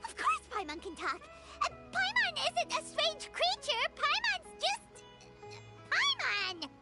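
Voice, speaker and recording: A woman voicing a small, excitable companion creature in a game who talks about herself in the third person. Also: extremely high pitch, slow pace, full character voice. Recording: game audio with music behind.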